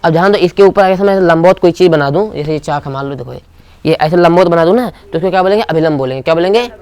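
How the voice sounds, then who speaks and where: A man's voice: fairly high pitch, fast talker, darkish tone, smooth, no echo. A man teaching a physics class, asking the students short questions and repeating key terms. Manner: call-and-response questioning. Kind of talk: classroom lecture.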